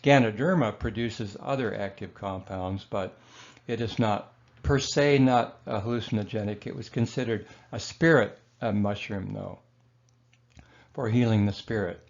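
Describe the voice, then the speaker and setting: A man giving a narrated slideshow lecture on herbal medicine in a relaxed, rambling way, with fillers and self-corrections. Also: fairly low pitch, normal speed, vocal fry, highs cut off.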